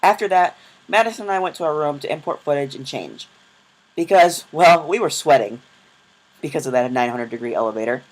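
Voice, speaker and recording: A man's voice: a little high, low-quality recording. A young man narrating his travel vlog in a casual, self-deprecating storytelling voice-over. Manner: chatty, self-deprecating, quick asides. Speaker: vlogger.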